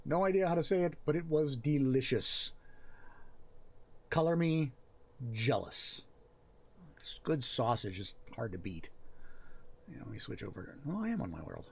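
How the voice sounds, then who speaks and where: A man with a gravelly, fry-edged voice at a middle pitch, talking his way through a live help stream. He muses aloud and pauses to find his words as he looks over the screen. His tone stays casual and unscripted. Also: expressive, a little mellow. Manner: thinks aloud, pausing and restarting as he reads. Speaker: host of a writing and worldbuilding help stream. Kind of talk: casual live-stream chat while reviewing work on screen.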